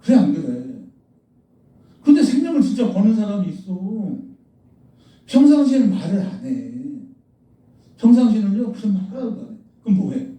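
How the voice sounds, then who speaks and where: A man's voice: high-pitched, sing-song, moderate pace, pauses often, warm tone. A man preaching a sermon as pastor, blunt and scolding, firing rhetorical questions at the congregation. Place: church sanctuary. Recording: echoey church hall, mic at a distance.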